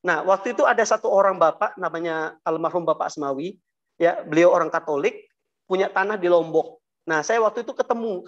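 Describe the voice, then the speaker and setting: Man giving a halting personal testimony. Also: fairly high pitch, highs cut off. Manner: halting, many fillers and restarts, addresses audience as Bapak Ibu. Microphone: video call.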